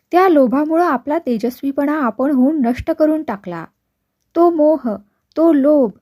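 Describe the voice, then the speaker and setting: Mellow-voiced woman reading a story. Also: a little high.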